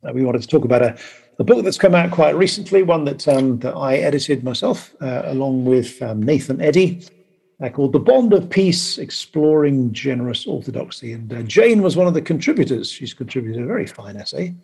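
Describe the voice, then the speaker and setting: A man hosting a podcast over a video call, talking casually and haltingly with many pauses. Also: mid-range voice, animated, gravelly, darkish tone, slightly rough. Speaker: podcast host.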